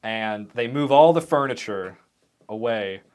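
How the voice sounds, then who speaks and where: A man running a tabletop game as game master, narrating the scenes in a vivid, animated way. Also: medium pitch, measured pace, smooth.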